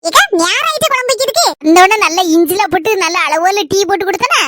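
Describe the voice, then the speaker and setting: A woman voicing a scheming, fretful middle-aged village mother in a cartoon, with a Kanyakumari Tamil accent and a rapid, gossipy complaining manner. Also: very high-pitched, animated, fairly bright tone, slight background noise.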